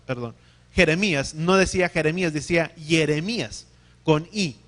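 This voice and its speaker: A man's voice: a little high, fairly bright tone. A man preaching a sermon, teaching, asking the congregation questions and often correcting himself mid-sentence.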